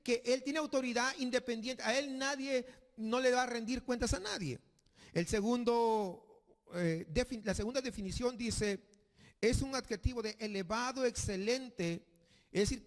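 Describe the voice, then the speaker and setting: High-voiced male pastor preaching in a church. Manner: emphatic preaching, slows for reading scripture aloud. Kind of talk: sermon. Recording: long church reverb.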